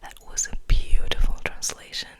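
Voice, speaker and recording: Speaking close to the mic, a woman hosts a gentle poetry reading in a slow, careful ASMR whisper.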